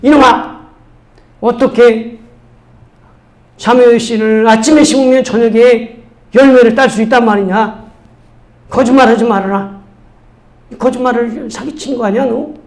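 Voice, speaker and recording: An angry old father, as a preacher puts him on, shouting rebukes at his son. The voice is raised and high with a hard scolding bite. A man plays him in a story told from the pulpit. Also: measured pace, long pauses.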